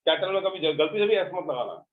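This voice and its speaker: A male teacher with an Indian English accent gives a grammar lecture in a slightly high voice, going over each point again and again and checking that the class understands. The recording is thin and narrow, like it came through a phone line. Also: lively intonation, fairly quick, slight background noise. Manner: repetitive, explanatory, checks understanding.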